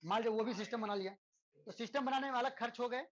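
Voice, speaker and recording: A man's voice: very high-pitched, fast, fairly bright tone, lo-fi sound. Chatty male teacher asking tag questions. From India. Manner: conversational, constantly checks in with tag questions; rhetorical questions and homely examples. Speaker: physics teacher. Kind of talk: lecture to students.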